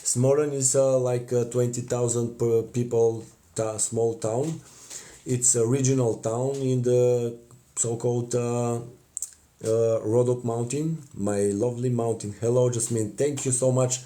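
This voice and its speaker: A man's voice: medium pitch, little pitch movement. Bulgarian man chatting on a craft live stream. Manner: chatty, warm thanks to viewers, frequent "uh" pauses. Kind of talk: casual live-stream chat while crafting. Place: cluttered home craft table, indoors. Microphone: phone camera close in front.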